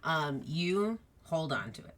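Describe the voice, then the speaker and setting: A woman's voice: sits low, big pitch swings, slow. A woman speaking as game master, casually narrating a tabletop role-playing game and calling for rolls.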